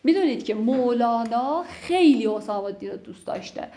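Woman teaching and reciting classical poetry. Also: on the high side. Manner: slow, measured recitation of verse, lively conversational explanation. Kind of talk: explaining and reciting classical verse.

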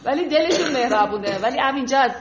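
A woman's voice: high-pitched, lively intonation, lo-fi sound, a crowd in the background. Woman reciting verse in a roomy echo. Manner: slow measured verse recitation, then quick colloquial explanation. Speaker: literature teacher. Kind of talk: reading and explaining classical poetry.

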